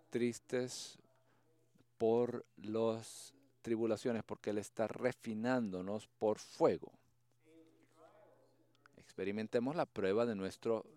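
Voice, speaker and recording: A man preaching a sermon, speaking off the cuff with restarts, soft laughs and acted-out quotes. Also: lowish voice, dry recording.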